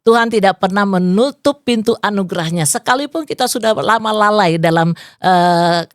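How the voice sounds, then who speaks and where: A woman's voice: mid-range voice, moderate pace, dry recording, studio quality. A woman pastor in her fifties sharing a personal testimony in an interview, earnest and devout. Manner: earnest, devout, full of "praise the Lord". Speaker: pastor and guest.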